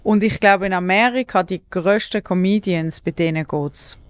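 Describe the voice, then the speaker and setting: A woman with a Swiss German accent, a stand-up comedian hosting a casual podcast chat, talking in an animated way and laughing often. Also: medium pitch, normal speed, clear, resonant tone, no room sound. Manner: chatty, animated, laughs often, loses her thread.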